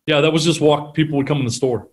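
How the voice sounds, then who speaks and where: A middle-aged man, a guest on an interview show, telling animated stories about selling and laughing often. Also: a little high, quick pace. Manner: animated storyteller, acts out quotes, laughs often. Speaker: guest, sales trainer. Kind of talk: conversational storytelling interview.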